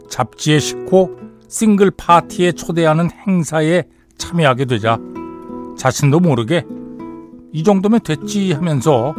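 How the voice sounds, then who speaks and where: A man hosting a radio show in a studio, reading a short story and then listener messages, with relaxed banter. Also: a little high. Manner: relaxed banter, reads messages aloud and comments.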